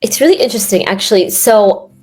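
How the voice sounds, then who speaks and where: A woman's voice: medium pitch, animated, fast talker, darkish tone, faint music behind. A young woman from New York in a casual interview, talking in a rambling way with lots of fillers and restarts. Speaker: guest.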